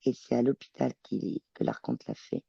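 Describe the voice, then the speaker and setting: A woman working as a telepath, describing her visions in a channeling session, halting and searching for words. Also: extremely low pitch, sing-song, vocal fry, husky, dry recording, lo-fi sound. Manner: hesitant, searching for words, many fillers.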